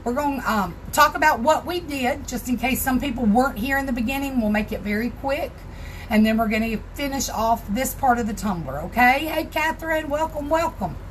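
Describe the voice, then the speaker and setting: A crafting tutorial host with a hoarse, raspy, fairly high voice and a Southern US accent runs a casual live stream from her home craft room, greeting viewers by name as she goes. She's expressive and a little fast. The recording is low quality, with a faint hiss behind her.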